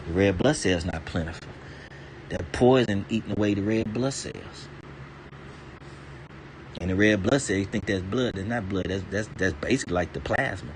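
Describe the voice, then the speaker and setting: Low-voiced man on a profane rant. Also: normal speed, long pauses, slight background noise. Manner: rambling, swears heavily, stammers and repeats words; indignant, pitch jumps high when worked up. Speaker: vlogger.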